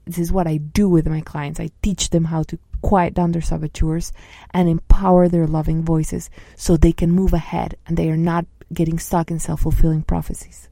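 Low, gravelly-voiced woman coach, soft and earnest. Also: little pitch movement, moderate pace, no room sound. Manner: soft-spoken, earnest, acts out inner voices. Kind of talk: reflective personal talk.

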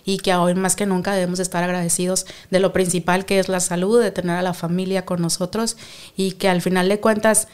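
Animated Mexican woman telling stories. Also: on the low side, a little fast, clean tone. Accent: Mexican Spanish. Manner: animated storyteller, acts out quotes. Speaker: co-host talking with her partner. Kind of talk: casual conversation.

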